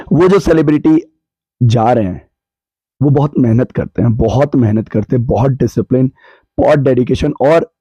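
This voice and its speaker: A man with a sore, hoarse throat, explaining his views on a podcast in a measured way that weighs both sides. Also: medium pitch, mellow, no room sound, lo-fi sound. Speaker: podcast guest answering questions. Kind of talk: reflective podcast discussion. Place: cold hill town, bundled up.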